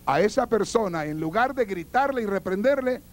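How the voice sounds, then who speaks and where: A male pastor preaching with a notably high voice, earnest and instructive. He speaks straight to his congregation in a teaching sermon and sometimes acts out the voices he quotes. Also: animated, moderate pace.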